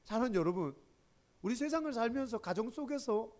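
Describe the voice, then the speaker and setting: A middle-aged male pastor preaching a sermon, telling personal stories with animated delivery that drops to soft, emotional tones. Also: very high voice, a little fast.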